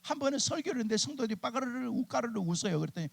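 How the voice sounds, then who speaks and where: A middle-aged male pastor telling chatty, animated stories in a sermon and acting out his church members' lines. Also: very high-pitched, racing, gravelly. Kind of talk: humorous storytelling sermon. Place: church sanctuary at a summer revival meeting.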